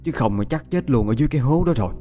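A man's voice: medium pitch, lively intonation, rapid-fire, mellow, soft background music, voice pushed up, natural voice. A man voicing a village woman who hurriedly explains what happened in a raised, chatty voice. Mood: anxious. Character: talkative village woman, anxious gossip.

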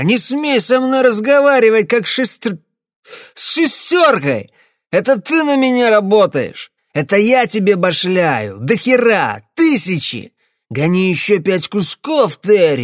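A man voicing a drunk, belligerent middle-aged man who whines and shouts into a phone. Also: medium pitch, creaky, no room sound, studio quality. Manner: shouting, slurring, whining.

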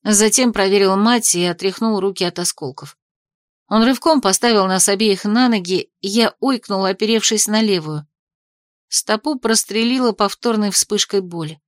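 A woman narrating a fantasy novel with a lively, dramatic reading. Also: medium pitch, normal speed, dry recording, clean studio sound. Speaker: audiobook narrator. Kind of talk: scripted narration.

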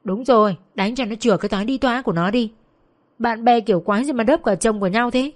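A woman's voice: fairly high pitch, fast talker, close to an everyday voice. A woman voicing scornful bystanders who egg on a street fight, in a narrated story. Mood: jeering. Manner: loud, scornful egging on. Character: jeering bystanders in a street crowd.

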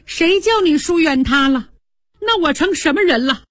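A woman voicing a quick-tempered, sulky young noblewoman who speaks in a petulant, cutting way, in a radio storytelling. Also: extremely high pitch, lively intonation, a bit bright, dry recording, pitched above the performer's own voice. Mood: tearful reproach.

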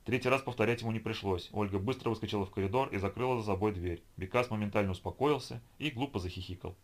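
A man reading an audiobook in a steady, measured storytelling manner. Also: lowish voice. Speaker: audiobook reader. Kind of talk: scripted audiobook narration.

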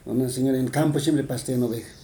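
A man's voice: mid-range voice, steady tone, fast talker, warm tone. A man with a Bolivian Spanish accent, retelling a folk tale in an interview, rambling and full of fillers and tag questions.

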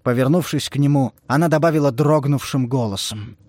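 A man reading a novel aloud as audiobook narrator, in a measured, even manner. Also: mid-range voice, dry recording. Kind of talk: scripted literary narration.

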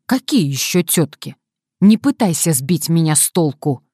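A woman's voice: lowish voice, expressive, takes it slowly, darkish tone, dry recording, studio quality, heavily acted. A woman reading an audiobook, voicing an angry, threatening male sponsor who snaps and hisses menace. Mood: menacing. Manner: snapping, menacing.

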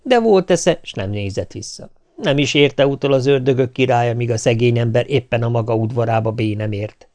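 A man reading a folk tale aloud as an audiobook, with lively, expressive storytelling. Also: mid-range voice, no room sound. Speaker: audiobook reader.

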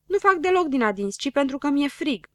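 Brief: woman playing a scatterbrained little storybook boy, whiny and high. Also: very animated, no echo, clean studio sound. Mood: whining. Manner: whining and plaintive.

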